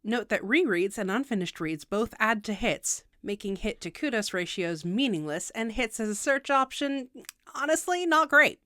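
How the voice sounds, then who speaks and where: A woman with a slightly high, animated voice hosts a video tutorial at normal speed, her delivery pushed and bright. She reads scripted explainer narration precisely and instructively, with wry asides, in a dry, clean studio recording.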